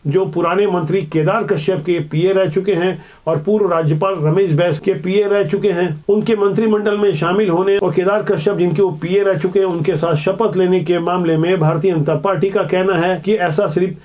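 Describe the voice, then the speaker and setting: High-voiced male news anchor. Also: steady tone, normal speed, few pauses, highs cut off. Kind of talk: political news commentary.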